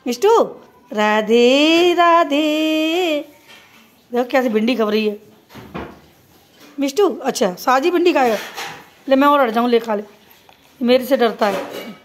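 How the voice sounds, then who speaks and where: A woman's voice: fairly high pitch, normal speed, pauses often, a little hiss or hum. A woman filming at home, talking to her pet parrot in playful, coaxing baby-talk and teasing scolds. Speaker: pet vlogger.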